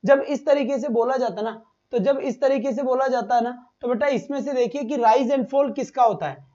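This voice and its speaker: A man teaches a live online exam-prep class, firing quick questions at his students, repeating each point and calling them "beta". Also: extremely high pitch, warm tone, muffled recording.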